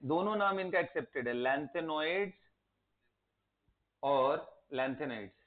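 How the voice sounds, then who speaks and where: A man's voice: on the high side, animated, takes it slowly. A man teaching a chemistry lesson, quizzing his students and coaxing them to recite element names. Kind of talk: classroom lecture. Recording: tinny phone-like audio.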